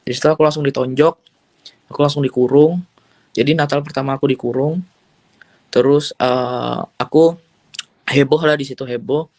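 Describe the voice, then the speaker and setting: A man's voice: medium pitch, fairly even intonation, moderate pace, long pauses, a little mellow, dry recording. A man giving an emotional personal testimony as an interviewee, earnest and rambling, with lots of casual fillers and the odd English phrase. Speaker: interviewee telling his conversion story.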